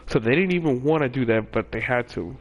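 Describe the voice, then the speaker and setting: A young vlogger tells a personal story casually and in a rambling way, full of fillers, restarts, and self-corrections. His voice is mid-range and animated, and he talks fairly quickly.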